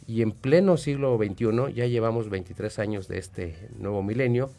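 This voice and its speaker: A man with a Mexican accent hosting an educational radio talk show, explaining in a measured way with hesitant fillers. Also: mid-range voice, warm tone.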